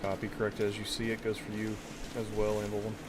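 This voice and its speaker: A man with a low, flat voice gives clipped commands in military radio procedure. He leads a simulation game squad, and the recording is very noisy, with clicks and vehicle rumble. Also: fast.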